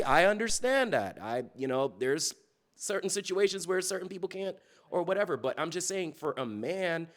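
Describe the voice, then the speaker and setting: A man with a somewhat high voice who speaks bluntly and opinionatedly. He drops into casual slang and delivers his views as plain facts in a relaxed roundtable podcast.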